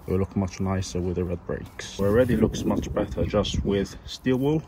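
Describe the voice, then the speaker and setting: A man's voice: sits low, normal speed, background noise. A man casually talking viewers through repainting his car's brake calipers while he works. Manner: relaxed, chatty, talks while working. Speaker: car vlogger. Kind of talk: casual DIY vlog narration.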